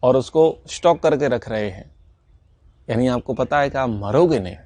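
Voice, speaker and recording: A man's voice: medium pitch, lively intonation, normal speed, mellow, no room sound. A man teaching a scripture class in an earnest, sermon-like way, repeating his points for emphasis. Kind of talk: sermon-like lesson.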